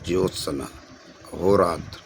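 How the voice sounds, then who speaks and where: Man, very low voice, teacher, exam-prep spelling lesson, repeats the answer choices, faint traffic noise behind. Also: measured pace, vocal fry. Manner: reads each option aloud, repeating words to stress the correct one.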